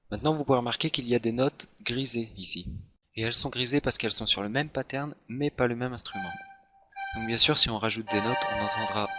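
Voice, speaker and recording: A man calmly walking through software steps in a screen-recorded tutorial, with self-mocking asides. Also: mid-range voice. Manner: relaxed step-by-step explaining, self-mocking asides. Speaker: tutorial host.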